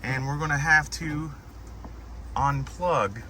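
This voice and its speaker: Man slowly walking you through a car fix, bright voice, faint noise around. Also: on the high side. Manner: patient, instructive, guiding a helper. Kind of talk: step-by-step car repair walkthrough.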